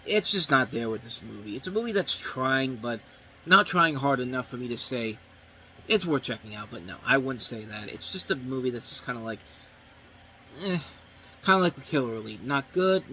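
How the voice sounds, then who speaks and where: A man's voice: mid-range voice, lively intonation, normal speed, pushed and bright, slight background noise, low-quality recording. Casual male movie reviewer. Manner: casual, rambling with fillers. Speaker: movie review show host.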